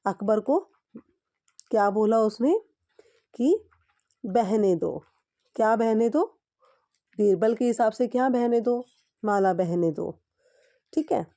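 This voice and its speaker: A woman's voice: a little high, takes it slowly, pauses often, warm tone. A young woman teacher telling a story to children and explaining each line again in simple words.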